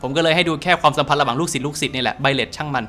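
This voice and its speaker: Energetic, fast-talking male game commentator. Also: mid-range voice, soft background music. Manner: chatty, energetic, swears casually. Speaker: let's-play host. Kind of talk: casual game commentary translating dialogue.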